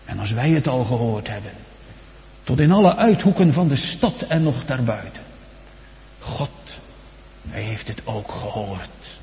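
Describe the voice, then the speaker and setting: Male preacher, sermon, slow and sweeping, big pitch swings, dull sound with long church reverb. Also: very animated. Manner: slow, preaching with sudden rises to loud, high outcries and drops to near-whispers. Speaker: pastor.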